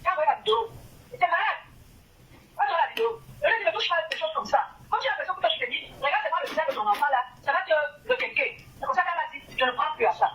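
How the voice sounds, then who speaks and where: A woman's voice: extremely high pitch, expressive, rapid-fire, pushed and bright, distant mic. A woman, a guest telling her story casually, acting out quoted dialogue and repeating herself a lot. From Cameroon. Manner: retells events by acting out quoted dialogue, with many repetitions. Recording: dull lo-fi sound from off the mic.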